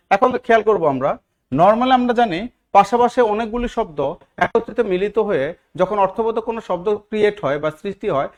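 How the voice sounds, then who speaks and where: A man teaching English grammar in a live online class, often asking his students questions and repeating key words. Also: high voice. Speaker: English teacher for job exams.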